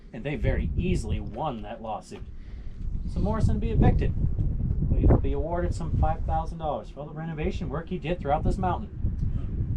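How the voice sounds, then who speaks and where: A man giving a storytelling guided tour to a group outdoors, theatrical and folksy, with rhetorical questions and dramatic pauses. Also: fairly high pitch. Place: outdoors on a mountainside. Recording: noisy live outdoor recording with clicks.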